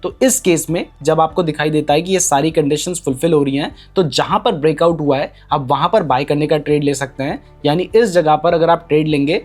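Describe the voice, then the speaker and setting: A man's voice: fairly high pitch, brisk, hardly any pauses, darkish tone, soft background music. A man explaining a trading strategy in a chart tutorial, pointing things out on screen and mixing English terms into his speech. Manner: mixes English terms into Hindi. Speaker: trading educator.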